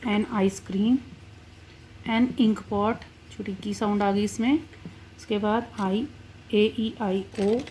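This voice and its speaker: A woman teaching English grammar, drawing out example words slowly to stress their sounds. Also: mid-range voice, darkish tone, slight background noise. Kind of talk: classroom-style grammar lesson.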